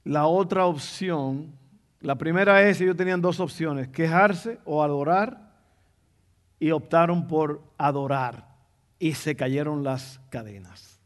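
A man's voice: on the high side, takes it slowly. A male pastor preaching a sermon in a teaching tone, repeating his key phrases for emphasis.

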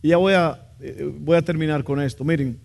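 A man's voice: on the high side, steady tone, moderate pace, gravelly, darkish tone. A man preaching a sermon in a church, impassioned and asking the congregation questions. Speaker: pastor.

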